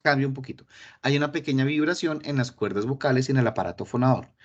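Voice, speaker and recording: A man, an English teacher giving an online class on grammar and pronunciation, lively and repeating words for emphasis. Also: medium pitch, fast, highs cut off. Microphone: computer mic in an online session.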